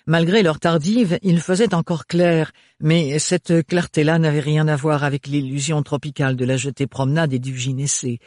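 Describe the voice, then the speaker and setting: A male narrator reads a novel in a steady, measured way. His voice sits slightly high for a man and is recorded dry and close, with no room sound. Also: no echo. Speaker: audiobook narrator. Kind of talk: scripted narration.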